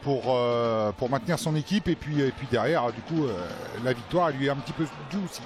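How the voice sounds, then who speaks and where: A man giving casual spoken match analysis as co-commentator, halting and repeating words as he goes. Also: medium pitch, faint music behind. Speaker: football co-commentator.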